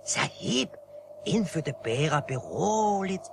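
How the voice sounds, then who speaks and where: A jittery mountain guide in broken speech, high and gravelly, radio play, noisy recording. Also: male voice, very animated. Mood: worried. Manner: broken halting speech, urgent warnings. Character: loyal mountain guide, anxious and cautious.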